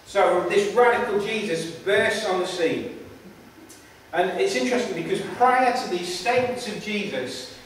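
Preacher in an echoey hall. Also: male voice, high-pitched, far from the mic, a little hiss or hum. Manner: repetitive, emphatic, stumbling restarts. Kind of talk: sermon.

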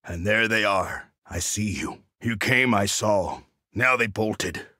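An actor voicing a cocky, wry big-game hunter mercenary in a video game, husky and sardonic, delivering combat barks and taunts. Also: male voice, on the low side, takes it slowly, pushed and bright, no room sound, clean studio sound, full character voice. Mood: smug, wry.

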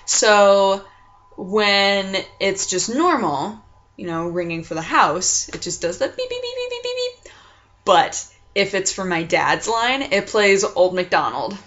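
A woman in her twenties talks to her webcam in a casual, chatty vlog style. Her delivery is playful and rambling, with a mid-range pitch. The sound is slightly dull and lo-fi, as picked up by a computer mic in a room at home. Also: fairly bright tone. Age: 20s. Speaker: vlog host. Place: small furnished room at home, indoors. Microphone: computer webcam mic at arm's length.

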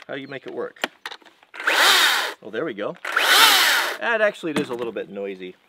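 Amid heavy background noise, a vlogger with a mid-range, sing-song voice demonstrates chainsaws outdoors in a yard near a tractor. His casual, hands-on talk rambles and stops short often, crowded with fillers and restarts.

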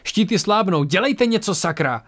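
A man's voice: high-pitched, animated, voice pushed up. A man voicing a tense, commanding female officer on a starship in an amateur audiobook reading. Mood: urgent. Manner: shouting, urgent.

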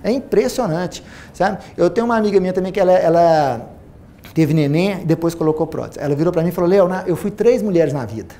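A man in his forties with a Minas Gerais accent, a plastic surgeon giving an animated seminar talk to a large audience on a lapel mic, repeating phrases for emphasis. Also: sits high, fast. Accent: Brazilian Portuguese, Minas Gerais. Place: auditorium stage with a large audience.

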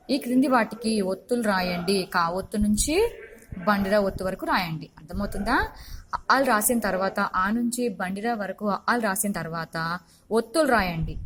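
A woman's voice: medium pitch, fairly bright tone. Woman, primary teacher, recorded class, patient, repeats instructions, checks understanding. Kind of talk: recorded lesson for first graders.

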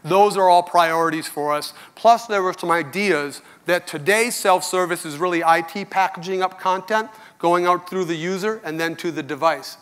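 A middle-aged man speaks from a big conference stage through a headset mic. His voice sits somewhat high for a man. He talks in an earnest, conversational way, frank with his audience of customers. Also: moderate pace, hardly any pauses, fairly bright tone, clean tone. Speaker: company executive giving keynote. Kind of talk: conference keynote speech.

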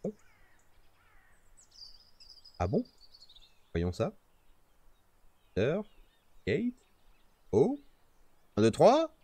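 A man's voice: medium pitch, no room sound. A man streaming outdoors, talking casually to himself and his viewers while fiddling with his microphone settings. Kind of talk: casual live-stream chat. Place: outdoors in nature. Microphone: streaming microphone with noise gate.

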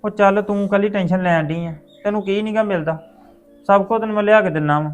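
A man playing a caring widowed father who talks to his daughter in a gentle, coaxing way in a web series drama. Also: high-pitched, fairly even intonation, quick pace, clean tone, soft background music, lightly acted. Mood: consoling.

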